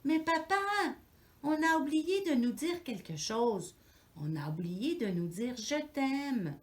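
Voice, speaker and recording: Woman doing a tiny storybook boy mouse, Québécois accent, very high pleading calls, loud and lively. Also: slow. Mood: earnest. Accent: Québécois French. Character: small eager boy mouse calling after his father.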